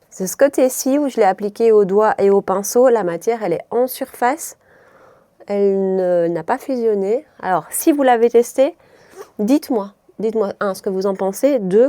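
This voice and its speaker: Chatty Belgian woman with a mellow voice. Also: medium pitch, no room sound. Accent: Belgian French, mild Brussels. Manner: rambling, self-interrupting, laughs often. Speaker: beauty vlogger. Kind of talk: chatty makeup tutorial.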